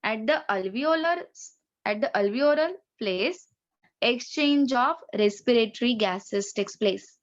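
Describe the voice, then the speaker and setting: A woman's voice: fairly high pitch, animated. Woman teacher with an Indian accent, online lesson, patient explainer who repeats terms, dull lo-fi call audio. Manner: explains slowly, repeats key terms, mixes Hindi and English. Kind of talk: online class lecture.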